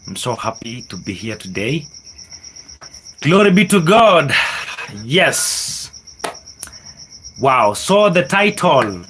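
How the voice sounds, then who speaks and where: A man's voice: medium pitch, big pitch swings, slow, long pauses, a bit bright, slight background noise. A man with a Kenyan accent hosting a casual livestream, chatting upbeat with viewers and reading their messages, often laughing and stretching words for emphasis. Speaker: livestream host.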